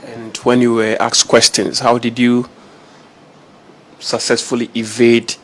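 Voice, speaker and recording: A man's voice: medium pitch, completely flat delivery, measured pace, fairly bright tone, slight background noise. A man working as a news reporter, insistently grilling a suspect in a confrontational interview. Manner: pointed, insistent questioning.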